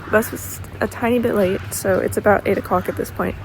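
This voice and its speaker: A woman's voice: medium pitch, fairly even intonation, a little fast, noisy background. A young woman vlogging on her phone, chatting casually and rambling about her trip. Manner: chatty, rambling, laughs now and then. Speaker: travel vlogger. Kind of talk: casual vlog narration. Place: indoors, small rented room. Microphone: phone camera.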